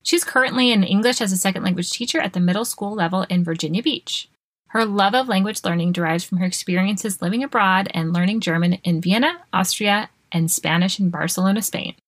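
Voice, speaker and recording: A woman with a mid-range voice hosts an education podcast, reading a scripted intro in a cheerful, promotional style. She talks fairly quickly, and the recording is dry.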